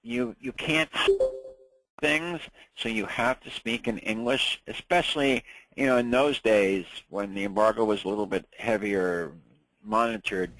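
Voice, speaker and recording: Speaking at a medium pitch with a bit of brightness, a New York-accented man in his sixties from Long Island gives a relaxed classroom lecture for a ham radio license. He's chatty and anecdotal, often repeating words as he restarts, and the recording is rough.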